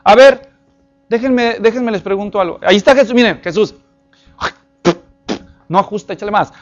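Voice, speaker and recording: A man preaching an expository sermon, lively and joking, with many rhetorical questions to the congregation. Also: high voice, normal speed. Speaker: pastor. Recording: dull lo-fi recording.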